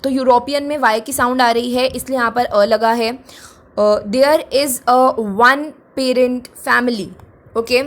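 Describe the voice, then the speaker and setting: A young woman teaching a grammar lesson to students. Her voice sits a little high, and she moves patiently from point to point, checking in with the class after each one. She reads her example sentences slowly, word by word. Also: a bit bright. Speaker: English teacher.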